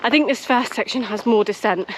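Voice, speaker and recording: A woman's voice: a little high, brisk. Young British woman chatting while running, noisy outdoors. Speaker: running vlogger. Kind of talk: casual chat to camera. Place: outdoors on a frosty countryside trail. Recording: noisy outdoor audio with clicks.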